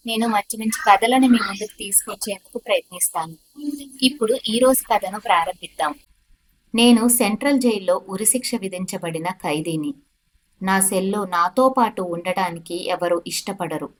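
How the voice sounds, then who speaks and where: Woman narrating a dramatic story. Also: fairly low pitch. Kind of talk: first-person story narration.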